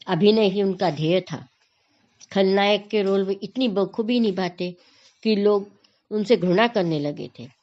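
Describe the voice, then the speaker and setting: A woman explaining devotional verses in a measured talk, often repeating a phrase as she searches for the next word. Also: mid-range voice. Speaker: spiritual teacher explaining verses. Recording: dull lo-fi recording.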